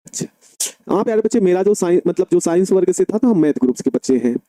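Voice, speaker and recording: A man teaching an online chemistry class, fondly calling students dear children and slowly dictating notes with repeated phrases. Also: high-pitched, expressive, warm tone, no room sound.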